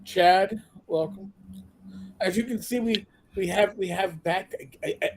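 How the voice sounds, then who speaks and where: A man from New York hosting a casual livestream chat, slow and hesitant, with a joking manner. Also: high-pitched, slight background noise. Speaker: show host.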